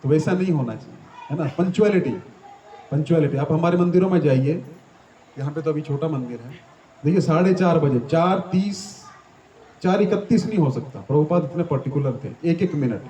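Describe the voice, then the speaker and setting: A man's voice: fairly high pitch, brisk, dark tone, muffled recording, slight background noise. A man giving a devotional talk to a gathering in a small temple hall. He explains step by step, asks the audience questions and often ends his sentences with "है ना". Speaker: devotional teacher.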